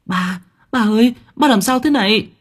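A man voicing an eager, anxious young woman who talks in quick, flustered bursts. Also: mid-range voice, sing-song, a little mellow, breathy edge. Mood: panicked.

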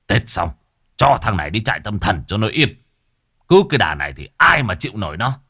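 A hot-tempered older father barks and scolds in a husky, forceful voice, as a man puts him on. His pitch swings about as he rants, a gruff villager in a told ghost tale. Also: big pitch swings, fairly quick, full character voice. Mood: fed up. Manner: angry shouting, scolding.

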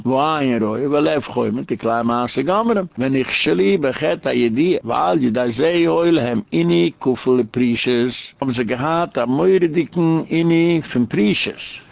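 A man's voice: medium pitch, gravelly. A man giving a religious lecture as a rabbi, in a sing-song preaching cadence.

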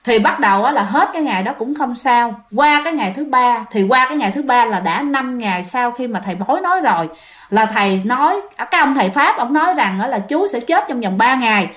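A woman's voice: fairly high pitch, animated, a little fast, fairly bright tone. A woman with a Southern Vietnamese accent, casually retelling a ghost story and chatting directly to her listeners.

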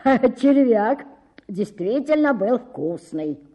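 A woman voicing a sly male ruff fish, a trickster who talks slowly from the water. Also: on the high side, big pitch swings, mellow, muffled recording, heavily acted.

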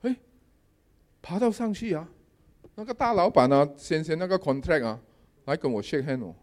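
A man giving a sermon testimony, telling his dreams in a lively storytelling manner with English words mixed in. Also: on the high side, moderate pace. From Malaysia. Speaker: lay preacher.

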